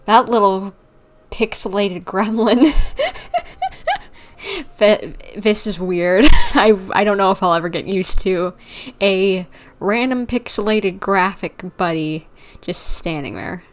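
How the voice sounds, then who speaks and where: A woman's voice: mid-range voice, takes it slowly. A woman streaming a video game, making laid-back, giggly remarks over it. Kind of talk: let's play commentary.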